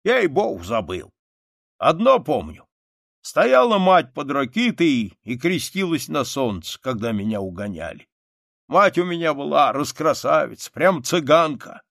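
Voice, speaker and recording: A man's voice: fairly high pitch, sing-song, unhurried, no echo, clean studio sound, voice pushed up, exaggerated voice. A man voicing an old, boastful war-veteran soldier, a dying beggar, in an audiobook reading. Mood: wistful. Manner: loud, hoarse-edged, boastful shouting.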